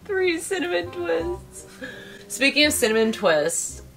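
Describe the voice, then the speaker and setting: A woman's voice: very high voice, very animated, takes it slowly, gravelly. Young American woman chatting, music behind. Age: young adult. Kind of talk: casual chat. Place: cluttered garage at night, seated on sofa. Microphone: camera a few metres away.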